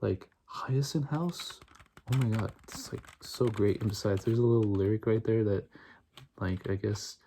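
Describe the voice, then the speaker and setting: Young adult male for fast, aggressive ASMR ramble: dark, soft-edged voice, enthusiastic wandering delivery, faint noise and tapping. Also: on the low side. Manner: casual, rambling, repetitive enthusiasm with frequent "like" and "honestly". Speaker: ASMR video creator. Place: small bedroom, indoors. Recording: noisy room, clicking and tapping. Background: tapping and clicking on CD cases.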